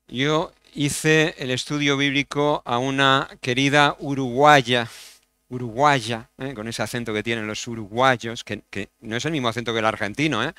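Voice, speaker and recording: A man with a Spain Spanish accent preaching a sermon as pastor, swinging from loud exclamations to hushed storytelling and asking many rhetorical questions. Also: mid-range voice, smooth, no echo.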